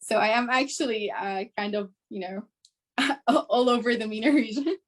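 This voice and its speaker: A young woman from Syria, whose first language is Arabic, speaks at a moderate pace in a slightly high voice. She's a guest engineer on a video call, giving a casual conversational answer in an earnest, eager way.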